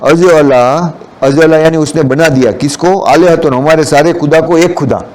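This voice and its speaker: A man's voice: on the high side, normal speed, a little mellow. A man giving a Friday sermon, explaining the meanings of scripture words and mixing in English terms. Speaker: preacher.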